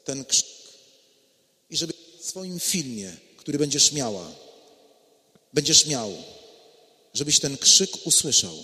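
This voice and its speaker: A man giving an impassioned retreat sermon, acting out dialogue and swinging from hushed tones to shouting. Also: medium pitch, very animated, slow, pauses often, big-room sound. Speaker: priest leading a retreat. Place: large church.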